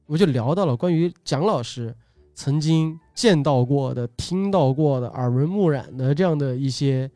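A man's voice: mid-range voice, moderate pace, dark tone, no room sound, soft background music. A man hosting a casual chat and introducing his guests in a talkative way, often repeating short phrases. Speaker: host, video uploader and magician.

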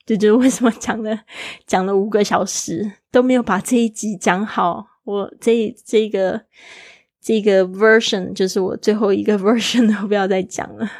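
A woman's voice: mid-range voice, steady tone, normal speed, a little mellow, no room sound. Woman teaching English words, dry close sound. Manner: explains words patiently, repeats and spells them out. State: sore throat. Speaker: English teacher and podcast host. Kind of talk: bilingual English vocabulary lesson.

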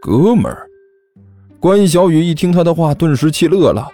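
A man narrating a serialized audio novel in a lively, expressive way. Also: on the high side, brisk, no echo, soft background music. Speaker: storyteller.

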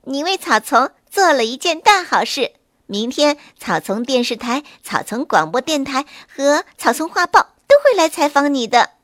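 Woman doing a plucky little gray bunny, high voice, quick and sure of itself. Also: very animated, fairly bright tone, no echo, studio quality. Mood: cheerful. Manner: brisk, cheerful, confident. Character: small brave clever gray rabbit.

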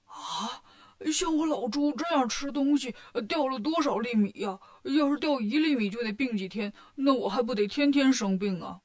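A woman's voice: fairly high pitch, normal speed, a little mellow, close to an everyday voice. A woman voicing a greedy, lazy male pig disciple who sounds sly and whiny.

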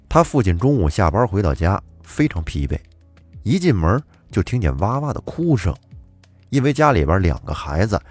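A man narrates a folk tale in a conversational tone, with asides to his listeners. His low voice is husky and moves lively up and down. The sound is dry, with faint music behind. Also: dry recording. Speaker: storyteller host.

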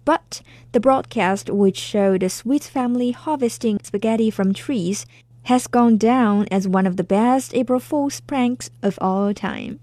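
A woman's voice: a little high, a little slow, warm tone, dry recording. A woman hosting a bilingual English lesson in a playful, chatty way, laughing often. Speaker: language lesson host. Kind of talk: bilingual casual lesson narration.

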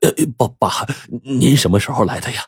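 A man voicing a furious middle-aged male company boss who shouts and stammers in rage. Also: medium pitch, brisk, husky, no room sound, studio quality. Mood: nervous.

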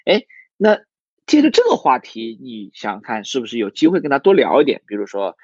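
A man's voice: medium pitch, huge pitch swings, a little fast, a little mellow, breathy edge, dry recording, lo-fi sound. A man giving a casual livestream lesson on recruiting sales, talking loosely with plenty of fillers and restarts and putting questions to his audience. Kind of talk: livestream teaching talk.

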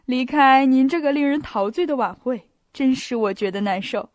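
A woman voicing a courtly older prince who speaks gently and courteously. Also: high voice, normal speed, no room sound, clean studio sound, close to an everyday voice. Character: courtly elderly prince, smooth and polite.

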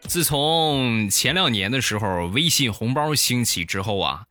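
Lively male comedy storyteller. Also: medium pitch, measured pace, dry recording, faint music behind. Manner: lively, acts out every voice. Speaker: comedy host. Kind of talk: comic storytelling.

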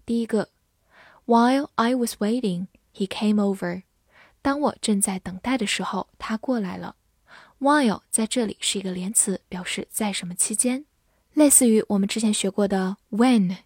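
A woman giving a scripted English vocabulary lesson, explaining words clearly and reading example sentences slowly. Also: medium pitch, a little mellow, dry recording, clean studio sound. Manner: clear, measured, slows down for model sentences. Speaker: English teacher.

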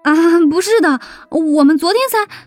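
Woman putting on a young male secretary, high, defensive, flustered, dry close sound, audiobook. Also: moderate pace, a little mellow, no echo, faint music behind.

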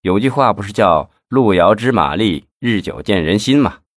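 A man reading the part of a scheming middle-aged male official, speaking low and conspiratorially. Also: lively intonation, normal speed, no echo, clean studio sound. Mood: hushed scheming.

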